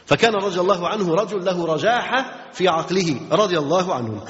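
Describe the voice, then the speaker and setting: A man's voice: high voice, expressive, brisk, fairly bright tone. A man with an Egyptian accent giving an Islamic religious lesson, asking his listeners rhetorical questions and repeating key phrases. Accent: Egyptian Arabic. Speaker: religious teacher. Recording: dull lo-fi recording in a reverberant hall.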